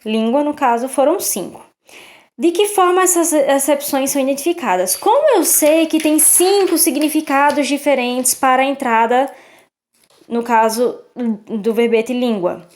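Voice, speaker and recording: A woman's voice: sits high, a little slow, a little mellow. A woman, a teacher patiently going through textbook exercises and checking in with her students. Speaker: Portuguese teacher.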